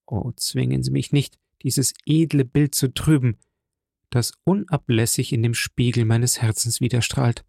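A man's voice: steady tone, unhurried, creaky, mellow, no room sound, studio quality. A man reading an audiobook, voicing a grieving noblewoman who pleads for her son, in a raised, strained voice. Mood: pleading. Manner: pleading, impassioned, high strained voice.

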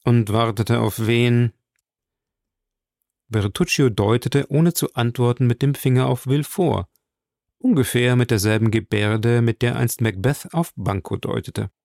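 A man reading an audiobook of a classic novel aloud in a steady, measured narration. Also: mid-range voice, vocal fry, no room sound, studio quality. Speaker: audiobook reader. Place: coworking space.

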